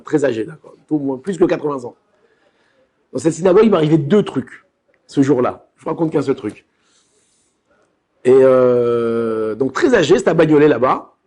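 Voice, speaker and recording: A man, a rabbi, giving a colloquial Torah lesson, telling stories and acting out the scenes in them. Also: medium pitch. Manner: animated, colloquial, acts out scenes.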